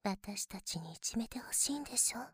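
A young woman voicing a mischievous invisible girl from the future, teasing in a breathy whisper close to the ear. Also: mid-range voice, lively intonation, fairly quick, no echo. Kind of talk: ASMR whispering roleplay.

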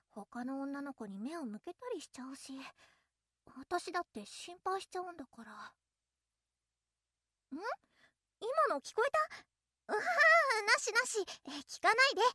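In this audio role-play, a woman plays a young childhood-friend girl who clings to the listener possessively, speaking coyly and pleadingly with playful teasing and a soft menace. Her voice is high-pitched, recorded at studio quality without echo.

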